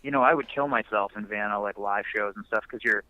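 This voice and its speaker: Talking fast with a sharp tone, the young musician on the phone keeps things laid-back, drifting through his answers with many fillers. His voice is lowish, the recording dry, and the phone line muffled.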